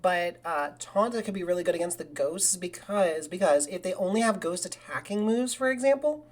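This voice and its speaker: A woman streaming a game live, chatting casually in a rambling way and breaking into excited cheers. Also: lowish voice, moderate pace. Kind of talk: casual live gaming commentary.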